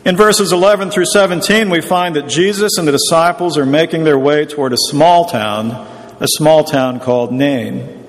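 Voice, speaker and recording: A man preaching a sermon in a measured, explanatory teaching tone. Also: fairly high pitch, big-room sound.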